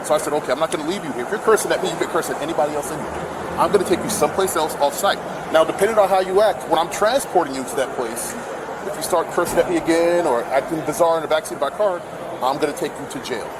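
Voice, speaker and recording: A man's voice: fairly high pitch, racing. A male police officer, firm and insistent, explaining and giving orders to a detainee on an outdoor body camera. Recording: noisy outdoor police bodycam, vehicle noise.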